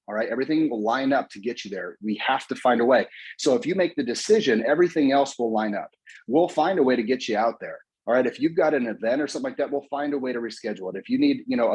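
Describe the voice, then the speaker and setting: Husky-voiced American man giving a pep talk. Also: medium pitch, poor audio. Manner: energetic, repetitive, coaching. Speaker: motivational speaker.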